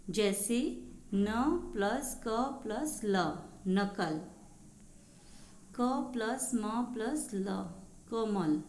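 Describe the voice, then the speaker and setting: A woman's voice: medium pitch, darkish tone. A woman school teacher giving a recorded lesson to young children, speaking patiently, spelling out words and repeating answers. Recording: echoey room, faint background noise.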